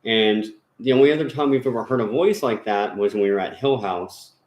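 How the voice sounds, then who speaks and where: A man with a fairly low voice hosts a ghost-hunting channel from his home. He talks casually and rambles, stopping and restarting with plenty of fillers. The room gives his voice a noticeable echo. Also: fairly quick, lo-fi sound. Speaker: paranormal investigator channel host. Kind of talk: casual chat. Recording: roomy echo.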